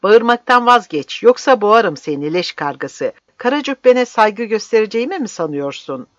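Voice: mid-range voice, very animated, normal speed, a bit bright, dry recording, voice pushed up. A reader voicing a violent, hot-headed male partisan who roars and snarls threats, on a dry, slightly dull recording. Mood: raging.

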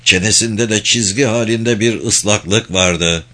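Man narrating an audiobook, measured. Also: fairly low pitch, bright, forceful tone. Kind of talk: scripted narration.

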